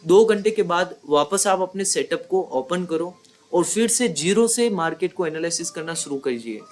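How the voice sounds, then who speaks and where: A man's voice: high-pitched, expressive, moderate pace, faint music behind. A man teaching as a trading mentor, talking in a conversational way and often checking in with his listeners. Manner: conversational, repeats points with rhetorical checks. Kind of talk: explanatory lesson.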